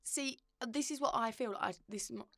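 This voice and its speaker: A woman's voice: on the high side, moderate pace, fairly bright tone, no echo, studio quality. A young woman comedian, a podcast guest, chatting casually and laughing often.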